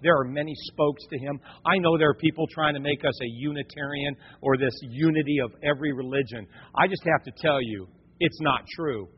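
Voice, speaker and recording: A male pastor preaching a sermon in an animated way, rising to near shouts when he drives a point home. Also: on the high side, fairly quick, slightly rough. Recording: dull lo-fi sound with long hall reverb.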